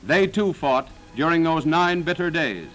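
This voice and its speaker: A man's voice: fairly high pitch, expressive, a little slow, fairly bright tone, soft background music, low-quality recording. A man narrating a 1940s wartime newsreel in a dramatic, solemn, declaiming manner.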